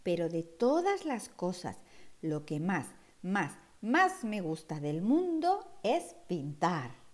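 A woman voicing a cheerful, curious little girl in an expressive, wondering storybook read-aloud. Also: lowish voice, takes it slowly, heavily acted.

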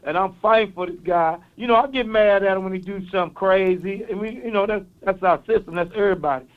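A man calling in, with an East Saint Louis accent and a fairly high voice. He talks earnestly and reels off numbers. The line sounds muffled and lo-fi. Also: fast talker. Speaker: caller. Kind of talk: call-in sports talk.

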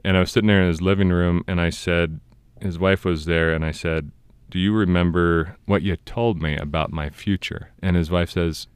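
A man in his thirties hosts a casual podcast, telling a personal story in an earnest way. His voice sits very low and comes across clean and smooth. The sound is close and dry, with no room around it. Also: fairly even intonation, moderate pace, few pauses, dry recording. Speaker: podcast host.

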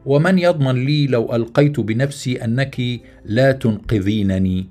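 A man's voice: mid-range voice, moderate pace, warm tone, faint music behind, voice pushed up, close to an everyday voice. A man voicing a despairing, bitter young man who declaims his case in a raised, agitated way. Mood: defiant.

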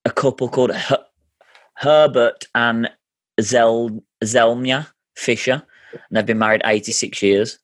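A man's voice: mid-range voice, fairly even intonation, a little slow, dry recording. Guy in his 30s chatting with family, earnest, keeps restarting, dry close sound. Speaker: podcast host. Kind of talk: casual family chat.

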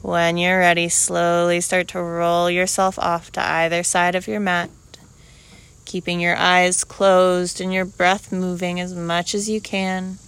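Female yoga instructor, very clear smooth tone, even and calm delivery, unhurried short cues. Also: lowish voice. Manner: calm, unhurried cueing in short measured phrases. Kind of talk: guided yoga class instruction.

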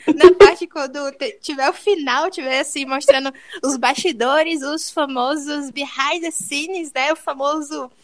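A woman's voice: high-pitched, a little slow, few pauses, crowd noise, rough recording. A young woman from Brazil hosting a podcast, joking and telling stories in a playful, self-mocking way. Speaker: podcast host.

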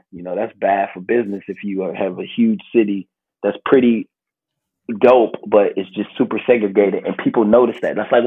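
Over thin, phone-like call audio, an American man from Milwaukee tells stories casually as a podcast guest who hosts a travel series. His voice sits on the low side and is husky.

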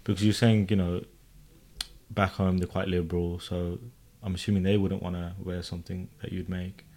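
A man's voice: low voice, little pitch movement, moderate pace, darkish tone. A British man hosting a casual interview, chatty and hedging with "kind of" and "you know". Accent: British English. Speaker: podcast host.

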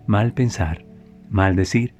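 A man, telling a reflective story in a calm way and repeating phrases for emphasis. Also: fairly low pitch, takes it slowly, faint music behind. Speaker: spiritual speaker.

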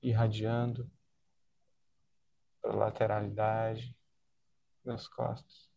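A man with a Brazilian accent leading a guided body-scan relaxation in a soothing, unhurried way, leaving long pauses between short phrases. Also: fairly low pitch, flat delivery, creaky, warm tone, no echo, muffled recording. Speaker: guided meditation leader.

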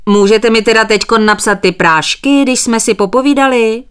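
A woman's voice: on the high side, smooth, voice pushed up, lightly acted. Woman doing a stubborn old farmer man. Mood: polite, evasive. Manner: politely evasive, keeps thanking. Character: stubborn old male sheep farmer, polite.

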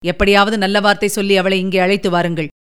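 A woman voicing a calm, composed young prince who speaks gently and without hurry. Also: mid-range voice, fast, clear, resonant tone, close to an everyday voice.

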